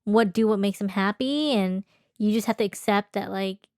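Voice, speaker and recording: A young woman with a medium-pitched voice chats casually in a supportive, reassuring way. She is recorded close and dry on a handheld microphone. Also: moderate pace, darkish tone, no room sound. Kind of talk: casual chat. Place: small bedroom, indoors.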